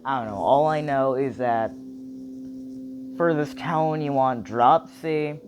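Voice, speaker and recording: A man's voice: medium pitch, slow, background noise. Casual man explaining a guitar tone. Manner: loose, rambling, hedging with "like" and "kinda". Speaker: guitar tutorial host. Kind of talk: casual demonstration. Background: electric guitar playing.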